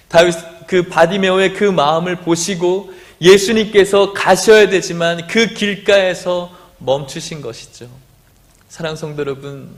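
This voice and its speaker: A man pastor preaching a Sunday sermon, telling a story with rising loud quoted cries and soft questions to the congregation. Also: sits high. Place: church sanctuary.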